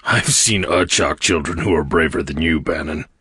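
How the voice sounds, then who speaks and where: A man voicing a huge, gruff male alien crewman in an audiobook, talking low and blunt. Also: normal speed, sharp tone, no room sound, clean studio sound, heavily acted. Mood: teasing.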